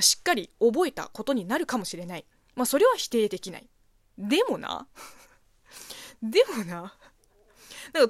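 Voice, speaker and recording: Lively woman podcaster. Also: on the high side, no room sound, studio quality. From China. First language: Chinese. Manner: chatty, expressive, answers listener letters. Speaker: podcast host. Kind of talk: casual solo radio talk.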